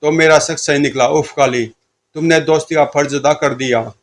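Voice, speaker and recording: A man's voice: a little high, fairly even intonation, moderate pace, natural voice. A man voicing an earnest, resolute young comic-book hero. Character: heroic serpent-powered young man, calm and loyal.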